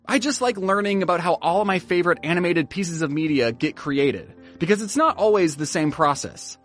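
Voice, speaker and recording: A man narrating a scripted comedic video essay as host, over-enunciating his words with sarcastic, dry jokes. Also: a little high.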